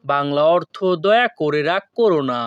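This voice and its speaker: A man teaching a language lesson, reading each phrase very slowly and then giving its meaning quickly. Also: on the high side, lively intonation, dry recording, muffled recording.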